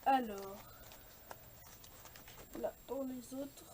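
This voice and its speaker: A young woman with a high, light voice talks viewers through a scrapbooking page at an unhurried pace. She hesitates often, trailing off and restarting her sentences, with a faint hiss of noise behind her. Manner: hesitant, many fillers and restarts. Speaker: scrapbooking vlogger. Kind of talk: casual craft tutorial chat.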